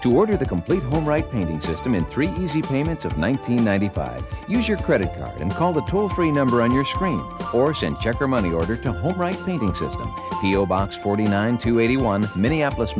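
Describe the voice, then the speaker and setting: A man's voice: medium pitch, sing-song, fairly quick, few pauses. An American man reading scripted ordering instructions as a TV advert announcer. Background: music bed.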